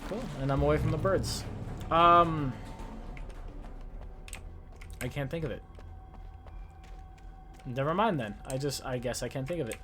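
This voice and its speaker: A young man talking casually over a video game, rambling and mocking himself, now and then breaking into loud outbursts. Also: on the high side, unhurried, long pauses, faint music behind. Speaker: gaming YouTuber. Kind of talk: casual let's-play commentary. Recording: steady noise under the voice.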